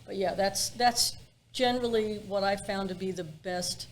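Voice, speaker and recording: A woman's voice: mid-range voice, normal speed, low-quality recording. A woman chatting casually as a tour guide in an interview, telling things in a wry, emphatic way and repeating phrases for effect. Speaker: ghost walk tour guide being interviewed. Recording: clear background ambient noise.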